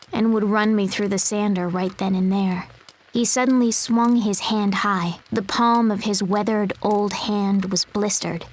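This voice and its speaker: A timid little animal narrator. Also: female voice, medium pitch, poor audio. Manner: measured, soft storytelling. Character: small animal narrator, timid, posing as a girl. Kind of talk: scripted game narration.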